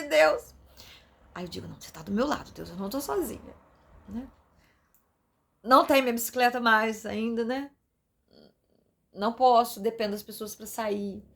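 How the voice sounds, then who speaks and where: A woman pastor with a Brazilian Portuguese accent gives a personal testimony in a fairly high voice. She speaks intimately and with tears close by. She keeps checking in with her listeners through short asides. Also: a bit bright. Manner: tearful, intimate, many "né?" and "sabe?" asides.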